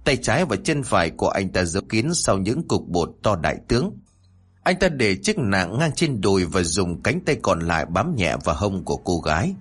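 Husky-voiced male horror storyteller. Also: sits low, big pitch swings, normal speed.

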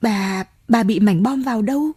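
Timid old country fellow with halting, choked questions, husky and dry, read by a woman. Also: on the high side, mellow, no echo. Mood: shaken.

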